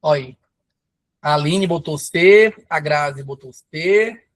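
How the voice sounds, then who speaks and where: A man's voice: a little high, slow pace. A man from Brazil, a math teacher giving a live online exam-prep class, chatty and enthusiastic with storytelling asides. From Pará, Brazil. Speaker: math teacher for civil service exams.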